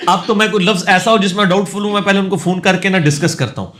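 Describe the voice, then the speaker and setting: A man's voice: a little high, fairly bright tone. A man with a Punjabi accent, a religious scholar answering questions in a lecture, explaining and correcting word pronunciation with casual asides.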